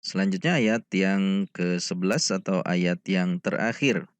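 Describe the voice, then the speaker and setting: A man with an Indonesian accent teaching Quran reading step by step, explaining each letter and then reciting slowly. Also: deep voice, no echo. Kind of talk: slow step-by-step tajwid lesson.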